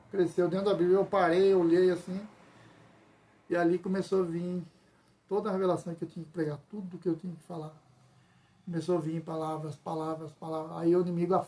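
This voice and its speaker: A man's voice: sits high, flat delivery, normal speed, darkish tone. A man telling a church testimony, retelling it emphatically with lots of repetition. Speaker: church member giving testimony. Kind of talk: testimony storytelling.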